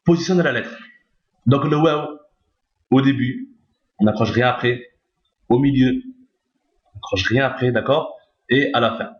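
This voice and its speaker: A man at a middle pitch gives a recorded lesson, patient and methodical. He repeats every point and keeps checking that his listeners are following. The sound is roomy and echoey, with a dull, lo-fi tone. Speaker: teacher. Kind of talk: recorded lesson on reading Arabic.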